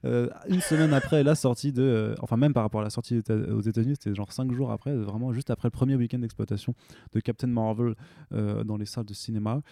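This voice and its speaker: A man's voice: mid-range voice, steady tone, fast, gravelly, warm tone. A man in his thirties co-hosting a podcast, chatting casually and rambling with lots of fillers and restarts. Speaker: podcast co-host. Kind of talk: casual chat.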